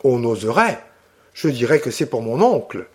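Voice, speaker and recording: A man voicing a young peasant girl in an audiobook reading, with an eager, breathless, high-pitched child voice. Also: very animated, moderate pace, natural voice. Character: young peasant girl, timid but loyal.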